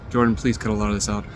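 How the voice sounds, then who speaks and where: A man recording a heartfelt message on his phone, halting and reflective, searching for his words. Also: lowish voice. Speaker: friend leaving a recorded message. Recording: phone recording outdoors with traffic noise.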